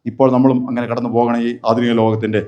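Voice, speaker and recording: A man's voice: medium pitch, flat delivery, rapid-fire, mellow. A man preaching a sermon as a bishop, asking rhetorical questions and answering them himself. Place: large echoing church. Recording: roomy church echo.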